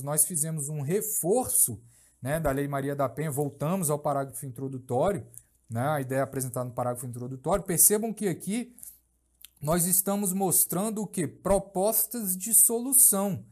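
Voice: mid-range voice, darkish tone. A teacher giving a recorded course lecture, explaining step by step, repeating key phrases and checking in with tag questions.

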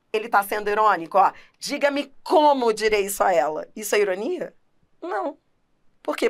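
A woman teacher with a Brazilian accent gives an animated, emphatic grammar lesson. She addresses the student directly in a mid-pitched voice. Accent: Brazilian Portuguese.

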